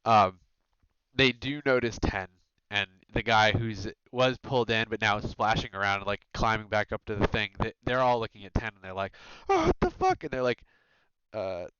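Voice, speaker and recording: A man runs a tabletop game, narrating in a smooth, resonant, low voice with loose, rambling fillers. The mic is dry and close but dull and lo-fi. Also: fairly even intonation, moderate pace, sharp tone, no echo. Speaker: game master.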